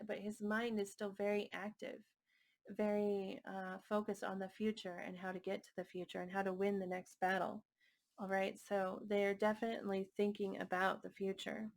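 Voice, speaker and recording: A woman giving a casual tarot reading in a gentle, musing way. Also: medium pitch, gravelly. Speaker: tarot reader.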